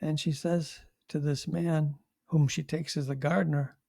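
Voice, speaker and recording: An older man, a priest, giving a conversational homily with halting restarts and wry asides. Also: a little high, level tone, creaky, dark tone, no echo. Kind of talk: homily reflection.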